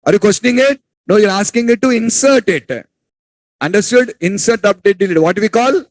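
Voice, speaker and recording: A man lectures a classroom, his voice fairly high. He repeats key points and fires questions at the students, turning sharp when they mumble. The sound is dry and close. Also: moderate pace, dry recording, poor audio. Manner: repetitive, quizzes students, scolds them for whispering. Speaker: teacher.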